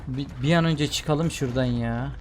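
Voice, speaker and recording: A man commentating his own gameplay in casual running talk, often frustrated and exclaiming. His voice sits at an ordinary middle pitch. A steady noise hums clearly behind him. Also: normal speed. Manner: frustrated, exclaiming, talking to himself and the game. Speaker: gameplay streamer.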